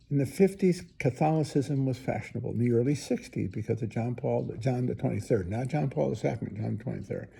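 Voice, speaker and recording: An older priest speaks his reflection with earnest emphasis and conversational asides. His voice is dark and gravelly, with a husky, unpolished edge. The tone is spoken and sermon-like, never read. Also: medium pitch.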